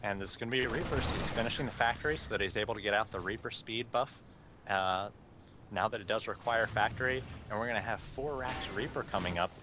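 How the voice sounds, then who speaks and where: A man casting a live strategy game match, relaxed and easygoing, chuckling now and then and filling pauses with "uh" as he works through his thoughts. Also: fairly low pitch, noisy background. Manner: relaxed, chuckling, thinks aloud with many fillers. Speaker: esports caster.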